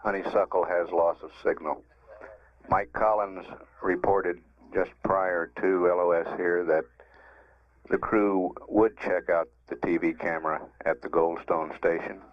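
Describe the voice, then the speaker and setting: A man's voice: low voice, fairly even intonation, measured pace. An American man giving matter-of-fact mission status commentary as a public affairs announcer. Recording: dull 1960s broadcast recording.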